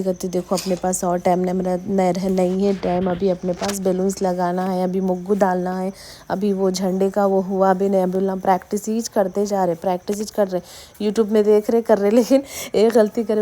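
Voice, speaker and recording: A woman with a Hyderabadi accent, a preschool teacher casually telling a story in her vlog, with lots of quoted dialogue. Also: mid-range voice. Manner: chatty, animated retelling with quoted dialogue. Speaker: anganwadi teacher and vlogger.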